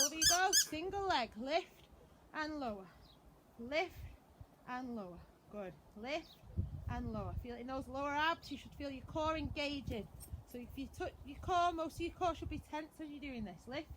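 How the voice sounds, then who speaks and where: Outdoors in a back garden, a woman fitness instructor with a high-pitched voice leads a live workout class, calling out short repeated commands, counts and encouraging cues over background noise.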